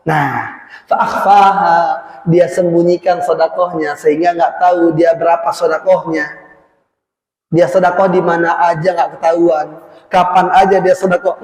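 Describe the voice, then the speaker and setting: A man preaching an Islamic sermon to a congregation in a prayer hall, speaking Indonesian with an Indonesian accent and lively outbursts and Arabic phrases. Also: high voice. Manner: lively, rising to exclamations, quoting Arabic phrases. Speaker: ustadz preacher. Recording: echoey hall, roomy reverb.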